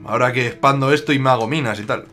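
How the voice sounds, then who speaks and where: A man's voice: mid-range voice, racing, a bit bright, faint music behind. A man from Spain with a slight Aragonese accent, giving casual, jokey commentary while playing a strategy game and talking back to his rivals. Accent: Aragonese Spanish. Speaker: gaming YouTuber.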